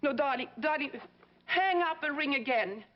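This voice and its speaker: A flustered caller on a crossed phone line. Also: female voice, high voice, lively intonation, normal speed, over a noisy crowd. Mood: strained. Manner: flustered, pleading, struggling to hear. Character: anxious woman on the phone, pleading. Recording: lo-fi film soundtrack audio.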